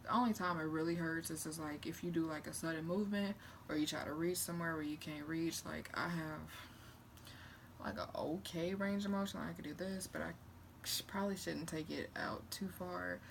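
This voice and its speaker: A woman's voice: sits low, normal speed, vocal fry. A young woman vlogging in a casual, candid, rambling chat to camera. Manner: candid, rambling, animated retelling with acted-out quotes. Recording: noticeable background noise.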